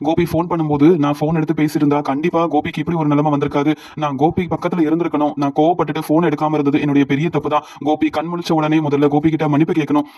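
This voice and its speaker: Man reading the lines of a regretful young wife, fast and slightly high. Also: flat delivery, warm tone, close to an everyday voice. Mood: remorseful. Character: young wife, tearful and remorseful. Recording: dull lo-fi audio.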